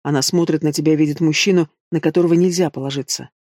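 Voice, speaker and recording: Male audiobook narrator, higher voice, dry sardonic delivery, dry close-mic sound. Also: fairly even intonation, rapid-fire, a little mellow, no room sound. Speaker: audiobook reader. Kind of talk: scripted first-person narration.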